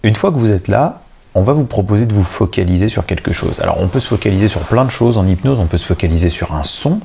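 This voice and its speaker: A man calmly leading a guided breathing exercise, speaking in measured short phrases with pauses. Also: lowish voice, gravelly, slight background noise. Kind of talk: guided relaxation instruction.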